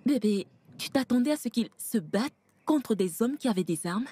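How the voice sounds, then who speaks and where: A woman's voice: on the high side, lively intonation, moderate pace, dark tone, breathy edge. An actress playing a gangster's concerned, sensible girlfriend in a dubbed film drama, cautioning and reasoning. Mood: firm cautioning.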